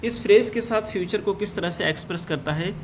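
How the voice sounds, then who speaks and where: A man teaching an exam-prep lesson, reading each question slowly and then explaining the answer in Hindi. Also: sits high, slight background noise.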